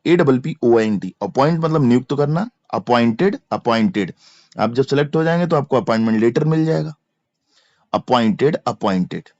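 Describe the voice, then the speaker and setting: Captured dry with no room sound on a slightly dull lo-fi mic, a Hindi-accented male teacher with a mid-range, darkish voice lectures on grammar for exam prep. Each word gets spelled letter by letter, and he repeats every verb form.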